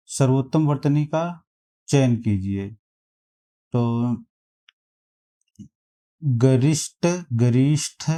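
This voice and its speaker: A man teaching a spelling lesson, reading out quiz options and repeating each word slowly to compare them. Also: medium pitch, dark tone. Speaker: exam prep teacher.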